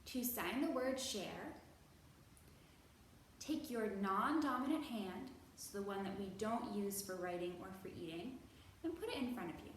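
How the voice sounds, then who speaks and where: With a lively, mid-range voice, this storytime host at a children's library encourages young viewers and carefully elongates key words. The audio is distant and very echoey, with faint background noise.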